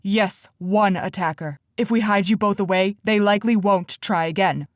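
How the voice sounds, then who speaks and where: A woman voicing a stern, cold male council leader who talks in a sharp, commanding way, in an audiobook. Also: medium pitch, normal speed, no room sound, clean studio sound, lightly acted. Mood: tired.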